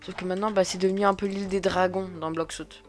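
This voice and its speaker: A man giving excitable, chatty let's play commentary, often repeating words as he plays. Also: sits high, fast talker, faint music behind. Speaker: gaming video creator.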